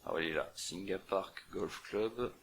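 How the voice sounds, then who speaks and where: A little slow and low-voiced, a young man casually walks through a map puzzle on screen for a CTF screen recording, with a little hiss or hum in the audio. He reasons aloud, using plenty of fillers and often restarting.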